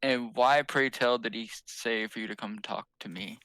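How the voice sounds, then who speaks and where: A man's voice: mid-range voice, steady tone, normal speed, bright, forceful tone, dry recording. A man voicing an ancient male fey troll who fusses hospitably over his guest in a tabletop game. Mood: hospitable.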